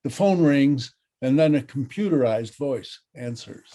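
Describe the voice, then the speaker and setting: A man reads out the stage directions of a script in a dry, matter-of-fact voice. His voice is mellow and warm, in a middle pitch. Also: animated, unhurried. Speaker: narrator.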